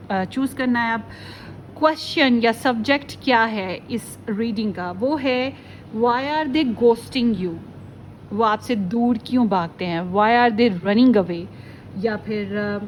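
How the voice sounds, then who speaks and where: Chatty and casual, a female tarot reader addresses her audience in a pick-a-card video, frequently mixing in English phrases. Her voice is a little high, with slight background noise behind it.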